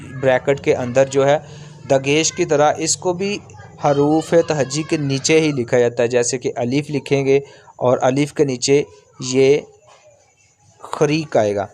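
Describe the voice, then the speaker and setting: A man teaching a language uses a mid-range, somewhat mellow voice. He moves through the material step by step, repeating himself and elongating vowel sounds for demonstration.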